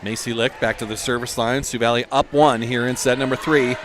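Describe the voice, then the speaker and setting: A man doing play-by-play for a high school volleyball match, shouting over the big plays. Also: fairly even intonation, a little fast. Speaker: play-by-play commentator.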